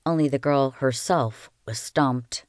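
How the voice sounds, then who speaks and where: Smooth clear voice reading a book aloud, calm and even, dry close sound. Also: medium pitch, slow, no echo. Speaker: audiobook reader.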